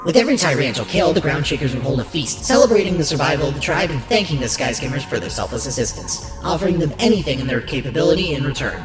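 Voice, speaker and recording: This show host narrates a scripted documentary-style segment in a forceful presenter's style, talking fast with hardly a pause. The mid-range voice rises and falls dramatically. The recording has a roomy echo beneath loud music.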